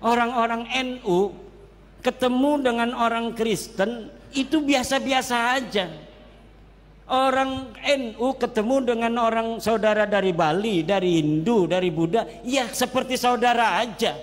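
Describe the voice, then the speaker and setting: A man giving a lively, joking religious lecture, slipping into local Sundanese and Javanese phrases. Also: very high voice, a little slow. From Banten, Indonesia. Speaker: Islamic cleric speaker. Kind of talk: lecture-style religious talk. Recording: long hall reverb.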